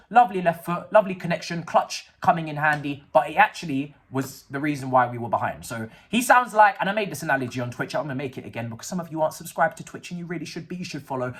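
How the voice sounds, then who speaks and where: A football fan vlogger rants casually about a match, full of sarcasm and slang. His voice is high-pitched with a fairly bright tone.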